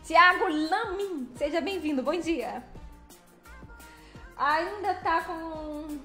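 A woman's voice: extremely high pitch, very slow, pushed and bright, roomy sound, soft background music. A woman chatting casually on a livestream while driving, playfully greeting viewers by name. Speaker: livestreaming truck driver. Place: vehicle cab while driving.

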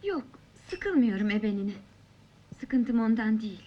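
A woman's voice: fairly high pitch, lively intonation, measured pace. Ayşe, a sorrowful young woman. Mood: sad. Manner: soft, sorrowful. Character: guilt-ridden young woman, gentle and sad. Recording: dull old film soundtrack.

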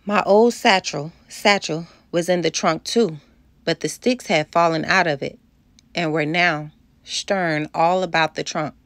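A woman with a lowish voice reads a first-person children's story aloud, lively and expressive as she carries the scenes. The sound is close and dry, with no room around it. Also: measured pace, no room sound. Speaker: audiobook narrator.

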